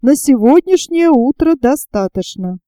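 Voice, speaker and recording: A woman reading the part of a calm, thoughtful middle-aged male engineer, measured and reassuring. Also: high-pitched, no echo.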